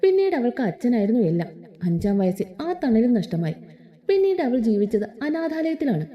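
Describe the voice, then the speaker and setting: A woman narrating a story with an expressive, emotional reading. Her voice is mellow and very dark in tone, pitched slightly high, and swings widely in pitch as she reads. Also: normal speed, highs cut off.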